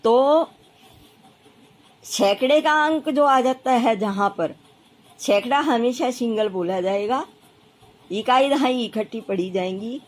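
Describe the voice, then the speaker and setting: A woman primary school teacher explaining place value, patiently counting aloud and repeating steps for children. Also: fairly high pitch. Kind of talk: classroom math lesson.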